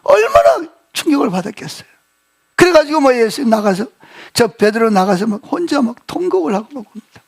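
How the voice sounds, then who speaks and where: A male pastor preaching a sermon, telling the story with lively acted-out quotes and questions to the congregation. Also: very high-pitched, a little fast, vocal fry. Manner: animated storytelling, acting out quoted speech, asking the congregation questions. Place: church sanctuary.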